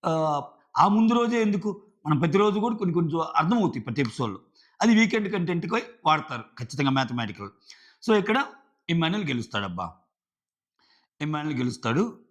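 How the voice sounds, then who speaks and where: A man reviews a reality show in casual, argumentative commentary, animated and acting out the contestants' lines. His voice is on the high side and fast, with frequent pauses, and the audio is dull and lo-fi.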